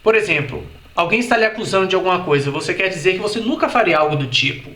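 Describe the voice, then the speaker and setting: Bright-voiced man teaching English. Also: high voice, lively intonation, reverberant. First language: Portuguese. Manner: explains in Portuguese, says English examples slowly and repeats them. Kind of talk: language lesson, slow example sentences.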